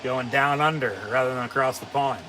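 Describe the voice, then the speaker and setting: American male host, mid-pitched, sardonic live reaction talk, faint hiss behind. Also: fairly even intonation, fairly quick, pushed and bright. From United States. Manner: wry, sarcastic, swears casually. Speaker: watch-along host. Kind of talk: casual live reaction commentary.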